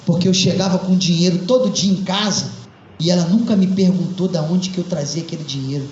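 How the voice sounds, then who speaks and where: A man voicing a young male prisoner who speaks low, slow and bitter. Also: darkish tone, echoey room, muffled recording, natural voice. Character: cold young male prisoner, blaming his mother.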